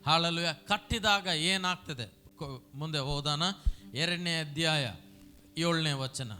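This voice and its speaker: A man's voice: fairly high pitch, slow pace, bright, forceful tone. A middle-aged pastor, preaching animatedly and having the congregation repeat his phrases. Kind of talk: sermon with call-and-response.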